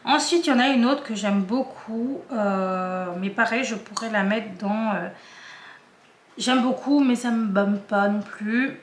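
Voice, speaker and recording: A woman's voice: medium pitch, measured pace, roomy sound, a little hiss or hum. A woman vlogger chatting casually and hesitantly, with many fillers and restarts. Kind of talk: casual chat.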